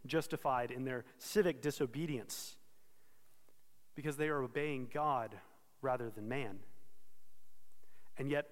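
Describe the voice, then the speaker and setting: A man preaching an expository sermon, earnest and steady, pausing to correct himself now and then. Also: mid-range voice, big-room sound. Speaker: pastor.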